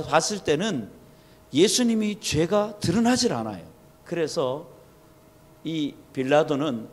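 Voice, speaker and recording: A man preaching an early-morning sermon as pastor, retelling a story with quoted lines. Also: on the high side. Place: church sanctuary. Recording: long hall reverb.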